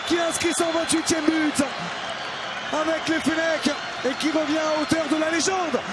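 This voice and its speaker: A man giving excited live football commentary in a raised, shouting voice. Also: very high-pitched, moderate pace. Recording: very noisy stadium, roaring crowd. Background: loud stadium crowd.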